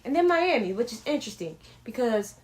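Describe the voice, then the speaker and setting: A woman's voice: on the high side, big pitch swings, fairly quick, a little mellow. A young woman hosting a casual sports show, talking bluntly and swearing often as she gives her opinions. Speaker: sports podcast host.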